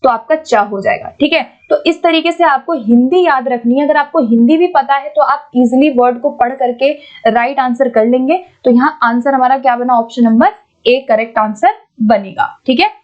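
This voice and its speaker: A woman teaching an exam-prep lesson, patiently explaining and reading English questions out slowly. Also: high voice, a little mellow, dull audio. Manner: explains patiently, repeats points, keeps checking with "ठीक है".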